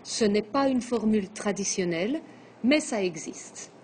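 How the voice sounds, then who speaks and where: A woman teacher giving a lesson on poetry, counting out syllables slowly and deliberately. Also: mid-range voice, expressive, a little mellow, a little hiss or hum. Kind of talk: classroom lesson on verse.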